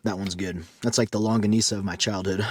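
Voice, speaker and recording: Talking to his viewers vlog-style, this camper makes breakfast outside on a mountain campsite before heading into his tent. He speaks at a moderate pace with a lowish voice and lively intonation, and the recording is dry.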